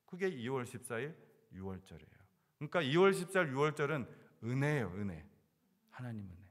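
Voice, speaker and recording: A man's voice: mid-range voice, big pitch swings, fairly quick, long reverb tail. A male pastor preaching a sermon, asking the congregation questions and repeating key words for emphasis. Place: church sanctuary.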